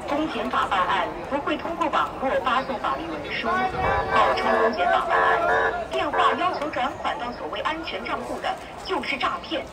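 Looping loudspeaker warning by a woman. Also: sits high, normal speed, long pauses. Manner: rhyming slogans recited in a steady, repetitive cadence. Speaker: public anti-fraud announcement. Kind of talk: looped loudspeaker announcement. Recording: loudspeaker heard outdoors amid a crowd and traffic.

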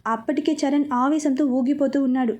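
A woman narrating a serialized drama story in a steady, expressive reading. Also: sits high, brisk.

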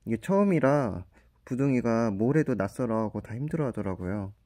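A man's voice: medium pitch, animated, a little fast, dark tone, no room sound. Chatty man narrating a pet vlog. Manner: friendly, chatty address to viewers. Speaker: pet vlogger.

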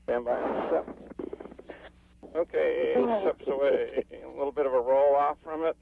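A man with a gravelly voice making clipped technical callouts as an astronaut over cockpit radio during a launch. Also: medium pitch, fairly even intonation, measured pace, no echo. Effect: radio comms. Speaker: astronaut crew member. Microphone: headset. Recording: tinny narrow radio, loud noise.

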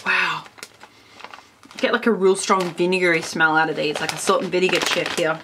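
A woman's voice: fairly low pitch, steady tone, moderate pace, background noise. An Australian woman chatting enthusiastically in a casual food taste-test vlog, full of "like" fillers. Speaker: food vlogger. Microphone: camera on tripod.

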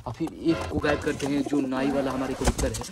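Brief: male pet vlogger, mid pitch, chatty to viewers, recorded outdoors with loud noise and pigeons cooing. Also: fairly even intonation, fairly quick. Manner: chatty, keeps telling viewers "guys", then scolds angrily. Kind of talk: casual vlog.

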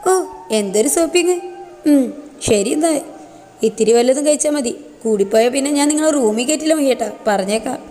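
A woman voicing a young married teacher who longs for a child, speaking gently and tearfully. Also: sits high, animated, brisk, soft background music. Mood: teasing. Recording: long reverb.

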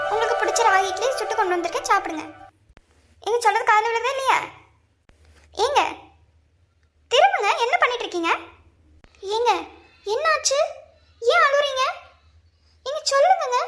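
A woman's voice: very high voice, fairly bright tone. A woman voicing an anxious young wife in a cartoon family drama, pleading and coaxing her husband.

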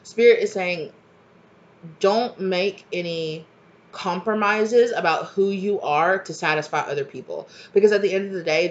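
A tarot reader in her thirties, a bit stuffed up with a cold, chats reassuringly into her webcam in a home kitchen during a casual channeled reading, with many fillers and side remarks. Her pitch is fairly low. The webcam, at desk distance, yields slightly dull audio.

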